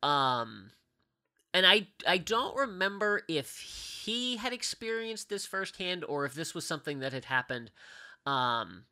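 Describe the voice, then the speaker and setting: A man's voice: on the high side, very animated, unhurried, bright, forceful tone, clear, resonant tone. A man from Pittsburgh, an organist, chatting casually in a conversation, hesitant with many fillers and restarts. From Pittsburgh, USA. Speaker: organist guest.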